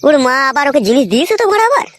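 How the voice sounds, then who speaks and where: A woman playing a rough young village husband in a comic skit, swearing and talking crudely. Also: high-pitched, very animated, racing, dry recording, voice pushed up. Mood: bossy.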